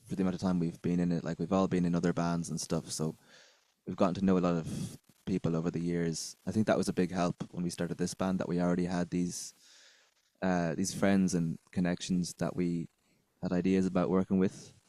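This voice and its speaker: Casting: male band member, west of Ireland accent, deep voice, halting and conversational. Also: level tone, warm tone, no room sound, low-quality recording. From Galway, west of Ireland. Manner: rambling, halting. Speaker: band member being interviewed. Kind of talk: casual interview chat.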